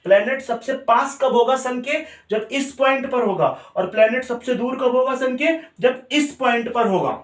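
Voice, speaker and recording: A man with a high, somewhat bright voice gives a physics lecture in a classroom, mixing Hindi with English terms. He repeats each point and quizzes his students. The sound is roomy, with the mic placed far off.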